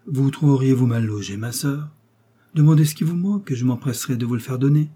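A cold, sardonic English nobleman, read by a man in a mellow, husky voice. He needles and threatens with unhurried, icy courtesy. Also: medium pitch, close to an everyday voice. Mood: mocking. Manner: sardonic, coolly menacing. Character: cold, mocking English lord, middle-aged.

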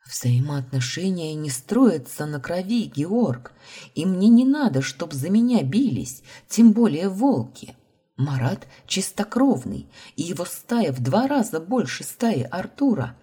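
A woman's voice: low-pitched, sing-song, measured pace, few pauses, dark tone, breathy edge, voice pushed up, heavily acted. A woman reading the lines of a desperate, heartbroken young heroine, pleading and tearful. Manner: pleading, tearful, rising to outbursts.

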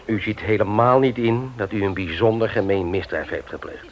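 In a Dutch radio play, an actor voices a stern, moralizing man confronting a petty thief, lecturing firmly and emphatically. His voice sits on the low side, close to everyday speech, at a moderate pace. The vintage radio recording sounds muffled.

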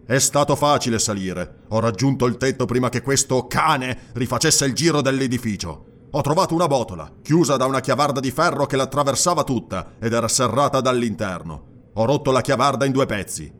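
A defiant barbarian warrior growls his words, as a male narrator puts him on. The voice sits mid-pitched but moves with lively swings. This is an audiobook reading. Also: fairly quick, few pauses, natural voice. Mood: recounting. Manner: gruff and defiant.

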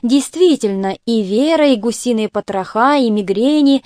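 An indignant, self-righteous nobleman husband, read by a woman in an audiobook. The tone is mellow and fairly high, recorded close and dry. He lectures and scolds as if always in the right. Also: expressive, moderate pace, no echo, lightly acted. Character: jealous, pompous nobleman husband, middle-aged. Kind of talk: audiobook character reading.

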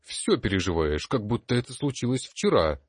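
A man's voice: on the low side, sing-song, moderate pace, slightly rough, no echo, clean studio sound, pitched above the performer's own voice. A man voicing an anxious young male student in an audiobook, warning the others urgently and insistently. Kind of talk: audiobook character voice.

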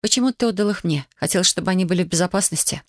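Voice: mid-range voice, racing, no room sound, lightly acted. A reader voicing a young Soviet wife, emotional and pleading, in a dry audiobook recording. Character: young tearful Soviet wife, loving yet wounded.

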